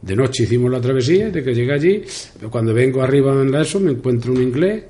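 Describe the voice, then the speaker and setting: An older man with an Extremaduran accent tells his story at a local radio interview. His voice is mellow and warm, and he rambles, repeating words and acting out the lines of people he met. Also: medium pitch, lively intonation, fast. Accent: Extremaduran Spanish. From Spain. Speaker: interview guest.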